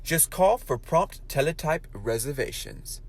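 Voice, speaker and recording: A man's voice: on the high side, big pitch swings, measured pace, vocal fry, slight background noise, exaggerated voice. A man playing a genial, polished announcer in a 1940s-style radio play, reading the breaks and an advert in a salesy way.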